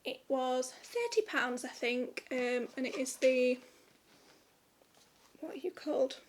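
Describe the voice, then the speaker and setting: A woman's voice: high voice, expressive, slow. A young woman vlogging to camera in a candid, rambling, chatty way. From United Kingdom. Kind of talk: casual chat to camera.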